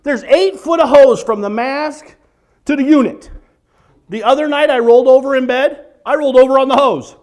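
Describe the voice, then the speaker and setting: A middle-aged man doing stand-up comedy for a church audience, animated and exaggerated, breaking into sudden shouts. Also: very high voice, normal speed. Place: church event hall before a live audience.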